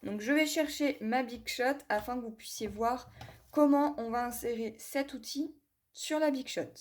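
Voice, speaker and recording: A woman's voice: fairly high pitch, unhurried. A woman reviewing a craft tool in a hands-on demonstration, talking viewers through each step and apologizing for her English pronunciation. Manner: chatty, talks viewers through each step with many "voilà" and "hop".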